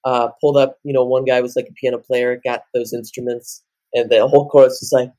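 A man in his late teens co-hosting a podcast, rambling through animated casual chat. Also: mid-range voice, brisk, no room sound. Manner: rambling, animated, jumps into loud off-key singing. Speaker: podcast co-host.

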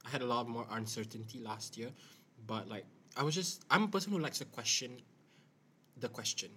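Fast-talking young man hosting a podcast. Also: mid-range voice, fairly bright tone, slightly rough. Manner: rambling, restarts, playful. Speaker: podcast host. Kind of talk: casual chat. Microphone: borrowed headset mic.

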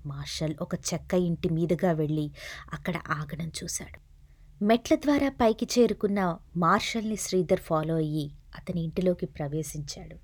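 A woman narrating a serialized novel in a soft, hushed reading voice. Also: lowish voice, lively intonation, normal speed, dry recording. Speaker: audiobook narrator.

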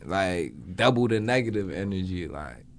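A man in his thirties in a casual, slangy chat, musing at a relaxed pace as a podcast co-host. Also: low voice, normal speed. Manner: laid-back, slangy, musing.

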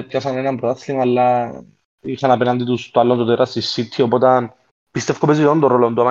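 A man's voice: medium pitch, a little mellow. A man with a Cypriot Greek accent in a casual football discussion, explaining his points and feeling for his words. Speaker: football podcast panellist. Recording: dull lo-fi audio.

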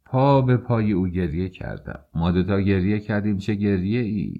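A man reading an audiobook, narrating in a measured way that slows on sad passages. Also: low-pitched, narrow, tinny audio. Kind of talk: scripted narration.

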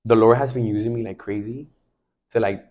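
A young man from Mexico in his twenties, talking about faith with a fired-up, emphatic energy. His voice sits somewhat low, and his talk is loose and casual, packed with slangy fillers. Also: fairly even intonation, fairly quick, a little mellow, dull audio. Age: 20s.

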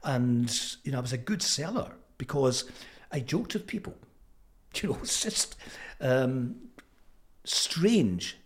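Male, 70s, Fife Scottish accent. Mid-pitched conversational storyteller, reflective, pausing often to find the word. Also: animated. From Fife, Scotland. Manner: halting, thoughtful, with frequent pauses. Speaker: interview guest.

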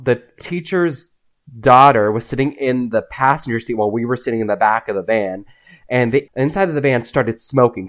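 A young man, a podcast guest, telling a long story in a loose, rambling way full of "like"s. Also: mid-range voice. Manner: rambling, lots of "like"s. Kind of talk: casual storytelling.

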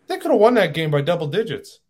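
Male podcast host, higher-pitched, emphatic and animated in casual sports talk. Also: fast talker. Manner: animated, gets worked up and emphatic.

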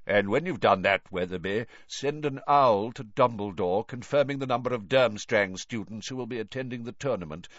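A man's voice: medium pitch, normal speed, hardly any pauses, a bit bright, no echo, highs cut off, close to an everyday voice. A man voicing an exhausted, deranged older wizard official in an audiobook, rambling and gasping with effort. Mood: manic rambling. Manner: muttering, gasping, broken effortful speech.

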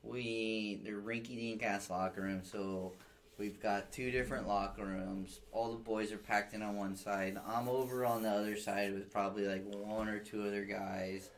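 A young man, a podcast guest, telling animated stories with a lot of swearing in a casual chat. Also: lowish voice, normal speed, slight background noise, low-quality recording. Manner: animated storytelling, heavy swearing.

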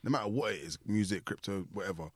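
A man's voice: deep voice, fast talker, no room sound. A man with an urban London roadman accent, chatting casually in street slang as a podcast host.

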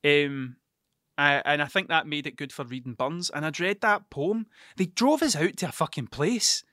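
A man's voice: on the high side, normal speed, bright, forceful tone, dry recording, studio quality. A man with a broad Ayrshire Scottish accent, rambling casually and bluntly, swearing freely and questioning himself as he goes. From Scotland, Ayrshire.

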